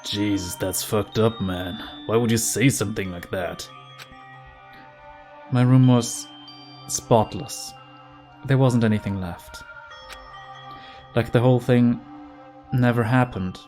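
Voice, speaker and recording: A man's voice: fairly low pitch, slow, pauses often, a little mellow. A man voicing a downcast, sincere teenage schoolboy who narrates a video game story. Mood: troubled. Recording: game music behind.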